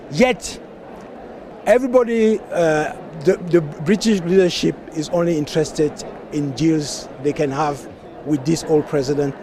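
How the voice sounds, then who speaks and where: A man's voice: fairly high pitch, warm tone, slight background noise. A man from Cameroon, a party member, speaking earnestly and with passion in an outdoor street interview. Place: outdoors at a conference venue, street traffic.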